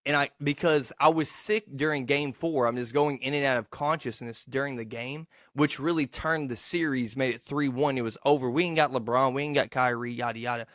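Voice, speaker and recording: A man's voice: mid-range voice, fairly even intonation, brisk, hardly any pauses, fairly bright tone, dry recording, clean studio sound. A man, hosting a casual, rambling solo podcast in a profane, slangy, boastful yet self-deprecating way. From Texarkana, United States. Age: 20s. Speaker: podcast host.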